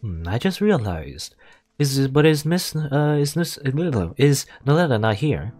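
A man voicing a composed, wise woman storyteller from a visual novel, speaking to children in measured, formal phrases. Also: medium pitch, big pitch swings, a little mellow, pitched above the performer's own voice. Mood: composed, curious. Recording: music behind the voice.

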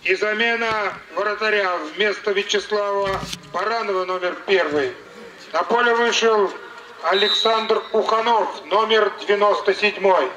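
A man working as a stadium announcer, reading out substitutions in a formal, measured way over an echoing public address system. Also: high voice, sharp tone. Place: outdoor football stadium. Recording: echoing stadium PA, far from mic.

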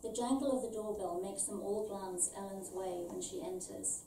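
A middle-aged author, born in Ireland and raised in London, reads her own short story aloud at a measured, deliberate pace from the stage of a small indoor event venue. Her medium-pitched voice is very dark and mellow, heard from a little way off in an echoey room with faint background noise.

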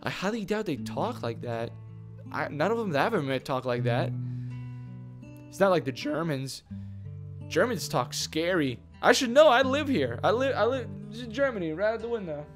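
Excitable male let's-player, high lively voice, yells and curses a lot, faint game music. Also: normal speed. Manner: loud, excitable, yelling and cursing at the game. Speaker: gameplay commentator. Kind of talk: let's play commentary. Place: home in Germany.

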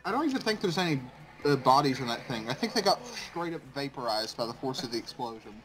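A man's voice: medium pitch, sing-song, fast talker, poor audio. A young man in casual chat while gaming with friends, making wry jokes about the chaos. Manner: joking, wry commentary. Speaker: gamer playing with friends.

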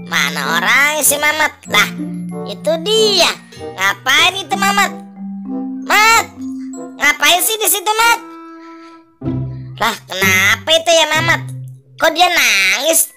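A woman's voice: sits high, sing-song, a little slow, music in the background. A woman voicing Toing, a lazy, grumbling male ondel-ondel puppet who teases his crying friend. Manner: grumbling, teasing, bossy.

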